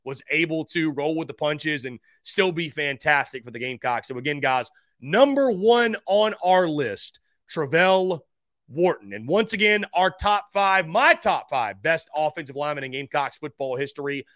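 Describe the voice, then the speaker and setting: Higher-voiced man hosting a sports countdown, dry sound. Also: animated, a little fast, hardly any pauses, bright, forceful tone, dry recording. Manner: emphatic announcing of each ranking and name, addressing listeners as guys. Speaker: sports host counting down a ranked list. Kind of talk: top-five countdown sports commentary.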